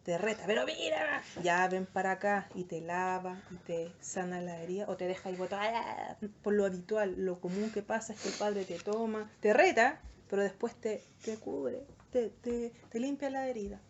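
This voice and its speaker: Brief: young Chilean woman preaching to youth, earnest and animated, dull lo-fi recording with faint hiss. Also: medium pitch, normal speed, hardly any pauses. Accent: Chilean Spanish. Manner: earnest, animated, acts out quoted voices. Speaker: youth group speaker. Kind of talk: youth devotional talk.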